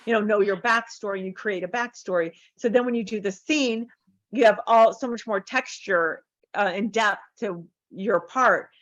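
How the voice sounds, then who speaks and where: Woman, podcast guest, animated storyteller, dry dull lo-fi sound. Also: mid-range voice, moderate pace, no room sound. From United States. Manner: animated, acts out voices in her stories. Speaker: life coach and guest.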